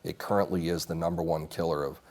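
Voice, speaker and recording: A congressional candidate in his thirties who grew up in Mexico talks fast in a low, darkish voice with fairly even intonation. In his small TV studio interview, he gives earnest, assertive answers and often restarts his sentences.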